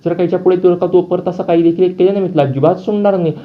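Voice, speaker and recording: Brief: a stern father issuing threats, voiced by a man, quick and a bit high, on a dull recording. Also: steady tone, close to an everyday voice. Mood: threatening.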